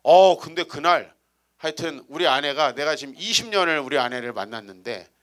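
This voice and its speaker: Pastor in his forties, high and lively, bright ringing tone; funny sermon stories, throws rhetorical questions at the pews. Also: fairly quick. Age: 40s. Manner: animated, teasing the congregation with rhetorical questions. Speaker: guest pastor. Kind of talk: humorous storytelling sermon. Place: church sanctuary.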